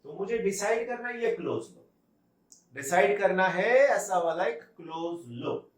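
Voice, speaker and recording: A man teaching physics to students, coaxing them along with repeated questions in a lively, animated way. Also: high-pitched, a little slow, far from the mic. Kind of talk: classroom lecture. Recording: echoey room, voice off-mic.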